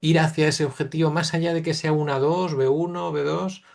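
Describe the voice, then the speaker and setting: Man, somewhat high voice, interviewer, long questions. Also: steady tone, normal speed, creaky, darkish tone. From Spain. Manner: asks long follow-up questions. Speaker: interviewer, host.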